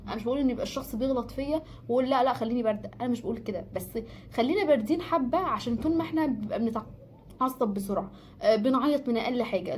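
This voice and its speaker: A rapid-fire Egyptian woman talks straight to her viewers in a casual advice monologue, her slightly raised voice racing along. She stacks up repeated words for emphasis. A faint hiss sits under the recording. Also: on the high side, darkish tone. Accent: Egyptian Arabic. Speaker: vlogger giving life advice.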